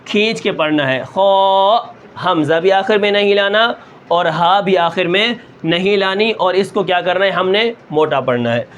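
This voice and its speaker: A man teaching Quran recitation step by step, asking questions and answering them himself, and stretching sounds slowly to show them. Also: high-pitched, lively intonation, a bit bright, lo-fi sound. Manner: asks the class a question, then answers it himself; draws out sounds long and slow to show them.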